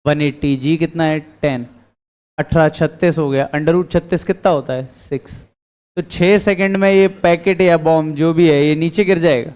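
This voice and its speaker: A man whose voice is on the high side, darkish and clean, keeps a steady tone at normal speed while lecturing on physics in a classroom. He questions the students and answers those questions himself.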